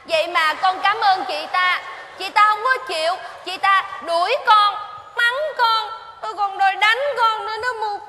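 A meek, tearful young village girl, sweetly polite and pleading. Her voice is very high and bright. It comes from a reverberant stage hall with music behind it. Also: moderate pace, a little hiss or hum. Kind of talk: live stage comedy acting.

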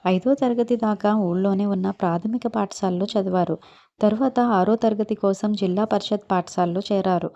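A woman with a Telugu accent narrating a scripted biography in a steady, even read-aloud delivery. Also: medium pitch, lo-fi sound.

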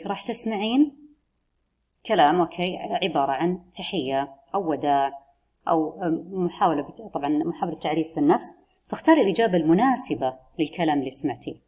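Woman, English teacher, husky voice, lowish pitch, slow model phrases, quick explanations. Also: darkish tone. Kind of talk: explaining a textbook lesson.

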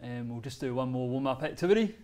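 The clip features a laid-back New Zealander in his 30s presenting a learning tool in an informal workshop. His voice sits at a middle pitch, and his delivery is relaxed and conversational with frequent fillers and pauses as he stands and shifts between the screen and his laptop. It's captured by a distant camera across a bright, medium-sized indoor meeting room with a screen.

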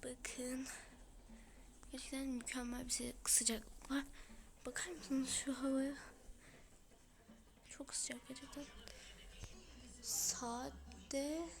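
High, hoarse woman vlogging from home. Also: little pitch movement, extremely slow, long pauses. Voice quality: breathy, half-whispered. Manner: chatty, talks straight to viewers. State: hoarse from a cold. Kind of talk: casual home vlog. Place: at home, indoors. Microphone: phone camera.

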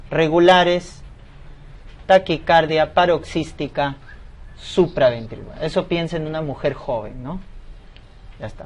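High-voiced man tutoring medical exam questions. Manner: explanatory, asks and answers his own questions.

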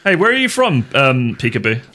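A man's voice: medium pitch, sing-song, fairly quick, bright, forceful tone. A middle-aged British man from the UK, chatting casually and swearing while he streams a game from home. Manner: chatty, swears a lot, nervous laughs. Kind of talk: casual gameplay chat. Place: home room.

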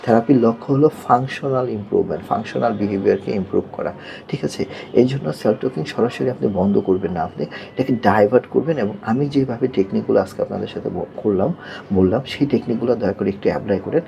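A man's voice: on the low side, fast talker, gravelly, warm tone, slight background noise. A man, an occupational therapist patiently explaining techniques to parents and checking they follow. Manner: patient, repeats "yes" and checks "okay?".

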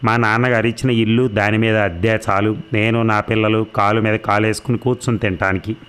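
A man voicing a proud, domineering middle-aged wife who answers with drawling, haughty retorts, in his own low voice. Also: flat delivery, brisk, a bit bright, clean tone, lightly acted.

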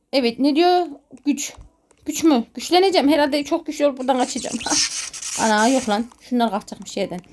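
Woman, high pitch, casual gaming commentary, jumpy and giggly, shrieks at scares. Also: darkish tone. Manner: jumpy, talks to herself, laughs often, shrieks when scared. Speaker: gaming video host. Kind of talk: excited gameplay commentary.

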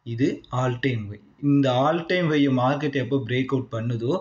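A man with a Tamil accent giving a screen-recorded trading lesson. He walks the listener through the chart, reads out long lists of price figures, and keeps checking that the listener is following. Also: medium pitch. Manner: explanatory, checks in with the listener often. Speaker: stock market trading teacher. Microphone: voice-over on a screen recording. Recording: roomy, muffled lo-fi sound.

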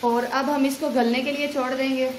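A woman's voice: sits high, normal speed, reverberant, a little hiss or hum, rough recording. A woman, a cooking channel host, talking through a recipe step by step in a voice-over. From Pakistan. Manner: steady step-by-step instructions.

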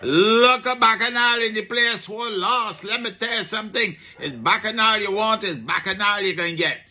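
Bajan guy ranting comic-style, high bright voice, a bit husky, asks lots of questions. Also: normal speed. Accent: Barbadian. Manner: chatty, rhetorical questions, dialect phrases, chuckling asides. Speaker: radio comedy commentator in a market vendor persona. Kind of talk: comic folksy commentary.

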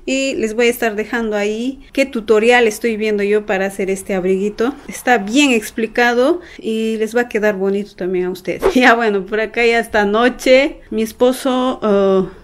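A Peruvian woman in her thirties chats affectionately in a casual family vlog at home, using lots of diminutives. Her fairly high voice has fairly even intonation, normal speed and few pauses. Music plays behind her, with a little hiss or hum.

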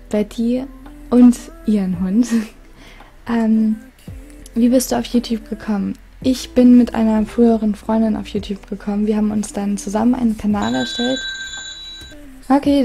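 Calm, very mellow-voiced young woman. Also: a little high, breathy edge. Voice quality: calm, soothing voice. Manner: giggly, reads letters aloud with frequent laughs. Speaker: gaming YouTuber. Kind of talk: casual chat reading viewer mail.

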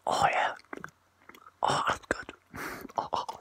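A vlogger doing a joking mock ASMR clip, whispering loudly and goofily into a phone held close, mocking themselves as they go. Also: slow. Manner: loud exaggerated whispering; goofy, self-mocking.

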